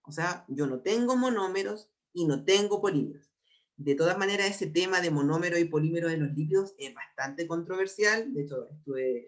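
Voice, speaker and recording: A young adult biology teacher with a Chilean accent, giving an exam prep lecture and explaining patiently while slowing down to repeat key terms. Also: mid-range voice.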